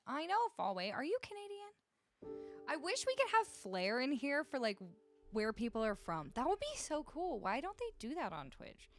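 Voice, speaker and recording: A woman music streamer chatting casually with her live viewers on a close studio mic. She laughs often and greets each viewer by name. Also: medium pitch. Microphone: studio broadcast microphone, close.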